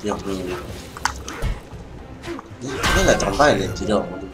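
Young argentine gamer, cursing nonstop, game music blaring behind. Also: male voice, deep voice, animated, measured pace. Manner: foul-mouthed, ranting, easily exasperated. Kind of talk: gameplay commentary. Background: game music and sounds.

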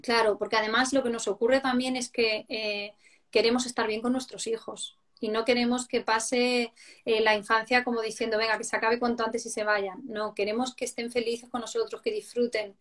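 A woman, a parenting educator, explaining in a lively conversational way and acting out the voices she quotes. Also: on the high side, moderate pace. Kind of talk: conversational interview answers.

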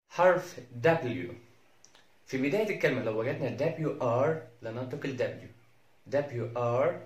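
Egyptian man drilling words, echoey room. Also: mid-range voice. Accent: Egyptian Arabic. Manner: repeats each word three times, slow and careful. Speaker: English teacher. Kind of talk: pronunciation lesson.

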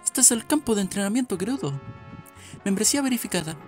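A man voicing a brisk female gatekeeper of a desert training ground, reading out video game dialogue. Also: high voice, animated, a little mellow, faint music behind, pitched above the performer's own voice. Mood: brisk, commanding.

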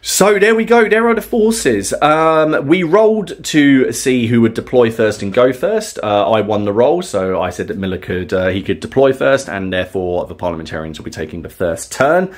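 A man's voice: medium pitch, normal speed, few pauses. A man in his thirties hosting a tabletop wargame battle report, chatting casually and explaining the rules at home. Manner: relaxed, chatty, explains rules with fillers and laughs. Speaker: tabletop wargame player and channel host.

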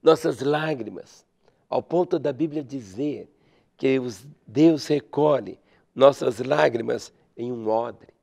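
A man preaching a radio sermon, swinging between loud fervent pleading and hushed, almost whispered lines. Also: mid-range voice, slow, vocal fry. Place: radio studio.

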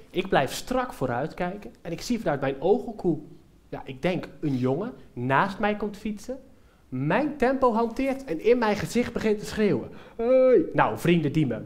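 A young man doing a stand-up comedy monologue on a theater stage, telling an animated story straight to the live audience. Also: sits high. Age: young adult.

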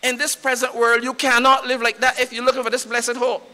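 Man, Barbadian accent, church sermon, very high voice, bright tone, emphatic, repetitive. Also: level tone, a little fast. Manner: emphatic preaching with repetition and rising volume. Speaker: pastor.

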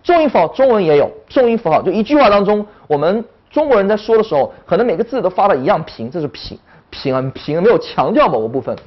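Lively woman teaching an online English class. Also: mid-range voice, fast, lo-fi sound. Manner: animated, demonstrating tones by voice.

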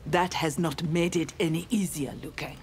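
A woman plays a defiant, honorable female ninja warrior in scripted video game dialogue, speaking firmly, earnestly and with composure. Her low voice is fairly even in intonation at normal speed, with music behind it.

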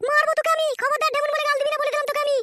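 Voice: very high voice, little pitch movement, racing. A performer voicing a defiant young second wife in a cartoon.

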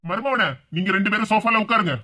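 A gruff cartoon father. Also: high voice, quick pace, bright, forceful tone. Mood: firm. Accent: Kanyakumari Tamil. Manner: gruff, firm. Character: blustering middle-aged father, hospitable to guests.

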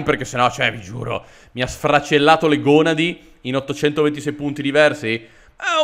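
A man with a sore throat giving sarcastic, animated commentary while playing a video game. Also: medium pitch. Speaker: let's play host. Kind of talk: gameplay commentary.

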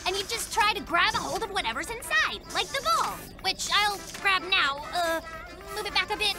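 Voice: very high voice, lively intonation, moderate pace, over loud music. An actor doing a boastful, fibbing bear cub. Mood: excited. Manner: bragging, tall tales, yelps and squeals. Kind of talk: cartoon voice acting.

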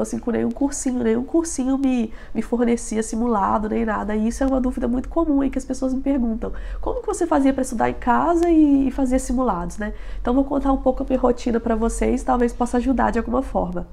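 A vlogger in her twenties talks casually to camera from a small bedroom, handing out study advice while gesturing animatedly. A head cold makes her voice nasal and stuffy; it sits a little high with vocal fry, and she's chatty, sprinkling in filler tags constantly.

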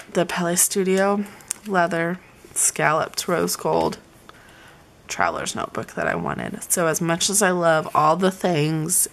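A young woman with a low, creaky voice gushes over her planner supplies in a casual show-and-tell vlog. She's a chatty planner vlogger who says "y'all."

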